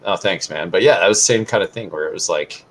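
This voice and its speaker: A man with a very low voice chats casually as co-host, loose and rambling, full of fillers. A faint hiss of noise sits behind him. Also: fast, rough recording. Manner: relaxed, rambling, many fillers. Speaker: podcast co-host. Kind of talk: casual chat.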